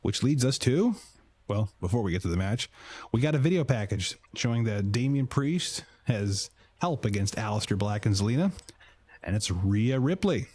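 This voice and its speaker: A man's voice: fairly low pitch, lively intonation, moderate pace, a little mellow, slightly rough. A man co-hosting a podcast, recapping shows in a casual, jokey way, often repeating words as he starts sentences. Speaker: podcast co-host.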